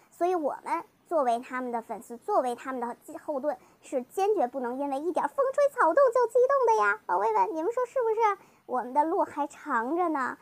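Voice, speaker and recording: A woman's voice: sits high, fairly bright tone, dry recording. A woman fan vlogger talking casually to her viewers in a chatty, coaxing way, often asking them rhetorical questions. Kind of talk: casual fan commentary talk.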